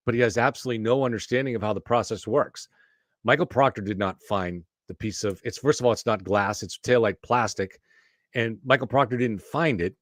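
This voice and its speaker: Low voiced guy hosting online show, casual news commentary, super dry sound. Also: dry recording.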